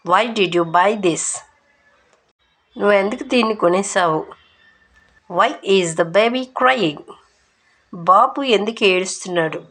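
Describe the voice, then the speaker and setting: Slow, deliberate woman reading drills. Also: medium pitch, fairly bright tone. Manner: reads each English sentence very slowly, then the Telugu translation at normal speed. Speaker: language teacher.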